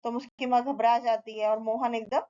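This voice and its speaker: A woman retells a story in a loose, conversational way, often restarting her sentences. Her voice sits fairly high, and the recording has a slightly dull, lo-fi sound. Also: steady tone, moderate pace, mellow. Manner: casual, with restarts and fillers.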